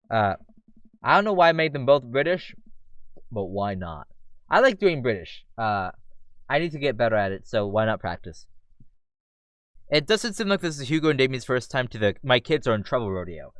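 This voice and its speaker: A man's voice: mid-range voice, dry recording, clean studio sound. A man casually commenting while streaming a game, chatty and rambling, full of "like" fillers. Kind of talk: casual let's-play commentary.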